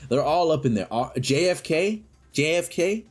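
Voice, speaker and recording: A man's voice: on the high side, normal speed, soft background music. A man improvising a comedy story in a rambling way, often correcting himself. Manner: rambling, self-correcting, animated.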